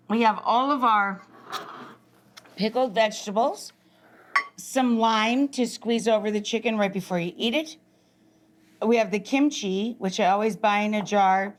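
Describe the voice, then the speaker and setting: A woman's voice: medium pitch, fairly bright tone, slight background noise. A middle-aged woman hosting a cooking show, chatting enthusiastically to viewers while she demonstrates a recipe in a studio kitchen.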